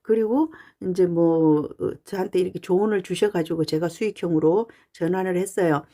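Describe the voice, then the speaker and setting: A woman fan channel YouTuber talking casually and earnestly to her viewers, pausing often with "uh". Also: fairly low pitch, dark tone. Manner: chatty and earnest, with frequent "uh" pauses. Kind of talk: casual talking-head monologue.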